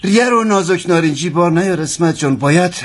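A man's voice: high-pitched, animated. An actor playing a stubborn, teasing older husband who bickers with his wife. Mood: bickering.

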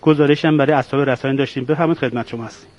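A man reporting live from the field for a radio news show in a formal, measured way. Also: mid-range voice, steady tone, darkish tone. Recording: muffled remote line.

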